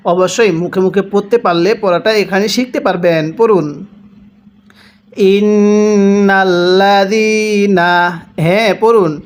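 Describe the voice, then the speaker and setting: A man from Bangladesh teaching Quran reading, chanting words slowly and drawn out, then explaining quickly and prompting listeners to repeat after him. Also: sits high. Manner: slow drawn-out recitation alternating with brisk explanation; asks and answers his own questions, prompting viewers to repeat. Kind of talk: spelling-out recitation lesson.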